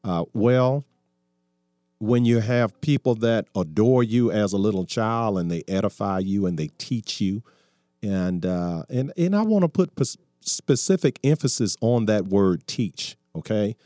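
An older man in his sixties hosts a call-in talk radio show. His voice sits very low and sounds warm and relaxed, caught dry and close on a studio mic. He talks in a folksy, preachy way that doubles back and restarts mid-sentence. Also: a little slow, dry recording. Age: 60s.

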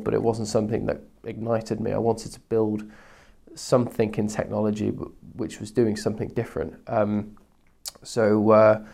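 Fairly low, creaky, and a little mellow, this man's voice answers interview questions as a guest. He talks conversationally yet hesitates, frequently repeating words as he hunts for what to say.

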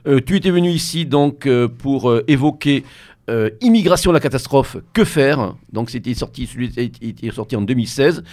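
A man's voice: mid-range voice, animated, normal speed, darkish tone. A man hosting a radio interview, introducing his guest with a hesitant delivery full of fillers and restarts. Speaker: radio show host.

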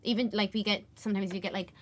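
A woman's voice: mid-range voice, steady tone, fast. A young woman with a West Belfast accent chats casually and effusively in an interview, repeating words for emphasis. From West Belfast, Northern Ireland. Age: young adult. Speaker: actress being interviewed.

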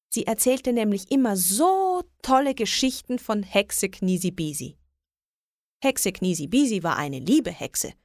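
A woman's voice: medium pitch, no room sound. A woman reads a children's story aloud, taking her time, her voice rising and falling with lots of movement. The recording is close and completely dry. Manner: slow, lilting storybook reading.

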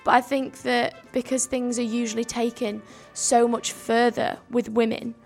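Over soft background music, a young adult woman co-hosting a homemade radio program speaks at a moderate pace in a slightly high, level voice with vocal fry. She's earnest, stringing her thoughts into long run-on sentences in a relaxed discussion.

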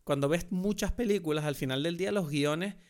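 A man with a Spain Spanish accent chatting casually about films, quick and emphatic, dropping casual swear words. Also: a little high. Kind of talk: casual film chat.

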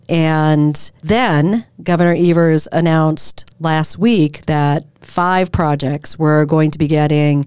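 A woman with a low, smooth voice talks through local news in a relaxed, chatty way. Her sound is close and dry, with no room around it. She explains at length and laughs easily. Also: no room sound. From Boston area. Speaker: reporter and co-host. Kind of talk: casual news chat.

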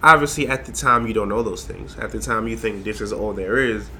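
A man's voice: lowish voice, fairly quick, sharp tone, a little hiss or hum. A young man from Haiti, a design lecturer, talking as a guest in a casual interview, rambling with many fillers and restarts.

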